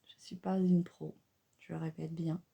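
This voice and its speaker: A beauty vlogger with a low, creaky, slightly rough voice speaks at a measured pace. Addressing viewers directly in a casual makeup tutorial, she's chatty and hesitant with plenty of fillers, and lets out excited exclamations over the colors.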